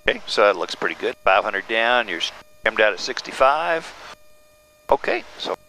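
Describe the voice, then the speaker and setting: A man giving calm, step-by-step instructions as a flight examiner, talking over a pilot headset inside a small airplane. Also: fairly low pitch, moderate pace, low-quality recording. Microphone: aviation headset. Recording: aircraft cockpit intercom with engine noise.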